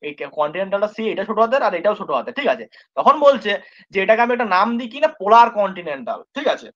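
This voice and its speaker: A male tutor with a high, sing-song, somewhat bright voice races through an exam-prep geography lesson. He talks to his students informally and familiarly, repeating points and constantly checking they're following. The recording is dull and lo-fi.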